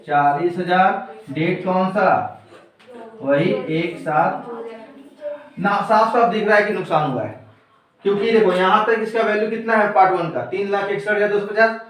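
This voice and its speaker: A man's voice: high-pitched, normal speed, fairly bright tone. A male teacher giving a classroom accounts lesson, quizzing students and repeating their answers back. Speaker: commerce teacher. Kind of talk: classroom lecture. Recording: echoey room, mic far off.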